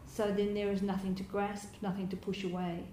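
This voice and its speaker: A woman giving a Buddhist dharma talk as a meditation teacher, speaking gently and reflectively, with soft laughs and small hesitations. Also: mid-range voice, little pitch movement, fairly quick. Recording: roomy hall with faint background noise.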